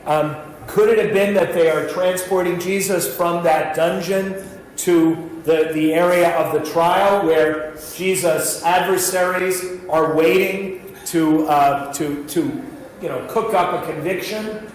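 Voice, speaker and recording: A pastor from New York with a New York accent, giving a thoughtful Bible study talk, with many fillers and restarts. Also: male voice, high-pitched, steady tone, takes it slowly. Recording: echoey room with faint noise.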